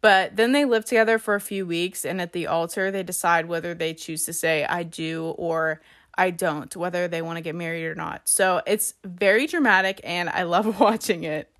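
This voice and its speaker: A woman's voice: on the low side, fairly even intonation, moderate pace, a bit bright. A woman in her twenties from the US East Coast hosting a casual solo podcast, chatty with lots of "like" and "um" fillers, a little congested from a coming cold. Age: 20s. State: slightly congested, getting a cold. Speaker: podcast host.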